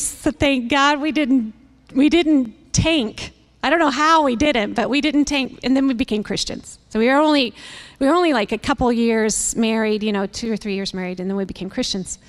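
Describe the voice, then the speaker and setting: Candid woman with a lively laugh. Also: sits high. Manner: candid, animated, laughing storyteller. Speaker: women's ministry host. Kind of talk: casual devotional talk. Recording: long reverb.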